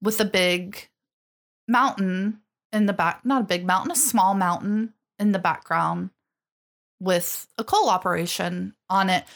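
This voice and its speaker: A woman's voice: mid-range voice, unhurried, creaky. A woman co-hosting a podcast, chatting candidly and wryly about a TV episode. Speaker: podcast co-host. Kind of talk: casual chat reviewing a TV episode.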